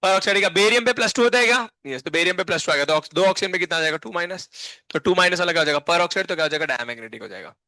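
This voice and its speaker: A man teaching a live chemistry class, his voice bright and a touch higher than most men's. He explains in quick steps and keeps checking that the students follow, with joking asides to them. The sound is dry and close. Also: lively intonation, dry recording. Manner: bantering and teasing students between explanations; frequent check-in questions to the class.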